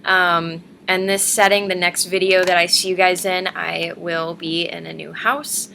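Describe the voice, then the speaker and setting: Woman, thirties, slightly low bright voice, casual rambling vlogger, home webcam recording. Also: flat delivery, a little slow, creaky. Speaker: vlogger hosting a personal denture diary. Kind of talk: casual update to camera. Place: living room at home, indoors. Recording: noisy webcam room recording.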